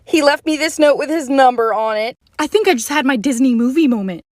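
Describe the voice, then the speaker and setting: A woman telling a personal story in a chatty, excitable storytime narration. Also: high voice, a little fast, no room sound, studio quality.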